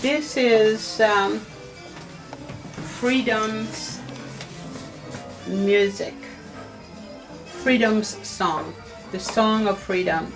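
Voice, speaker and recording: A woman's voice: mid-range voice, extremely slow, pauses often, poor audio. Chatty older Haitian-born woman, music behind. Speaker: artist and volunteer. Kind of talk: casual interview.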